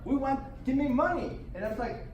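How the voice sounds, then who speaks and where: A man from El Salvador telling a lively personal story as a presenter at a business networking meeting, laughing often and restarting his sentences. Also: extremely high pitch, fairly quick, highs cut off. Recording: echoey room, mic from far off, noisy.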